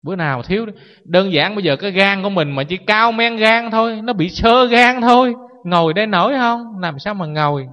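A Buddhist monk with a high voice delivers a brisk dharma sermon, repeatedly questioning his listeners and acting out people wailing. The sound is dull and lo-fi, echoing as in a hall.

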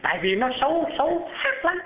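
A man preaching and telling a Buddhist story to an audience, often asking them questions and lifting his voice high as he describes things. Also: a little fast. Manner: animated, asks the audience questions, rises high when describing. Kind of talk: storytelling sermon. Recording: tinny phone-like sound. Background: live audience.

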